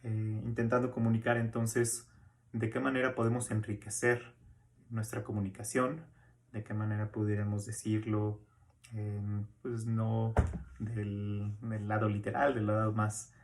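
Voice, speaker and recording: A man talks through a recorded course lecture, his voice sitting on the low side. He explains in a loose, conversational way, dropping in small tag questions and fillers as he goes. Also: darkish tone. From Mexico. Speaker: university lecturer.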